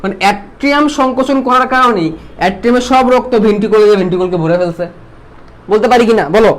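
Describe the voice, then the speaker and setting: This online biology teacher has a high-sitting voice and a fast delivery. He peppers the class with questions, says each one over a few times, then supplies the answers on his own.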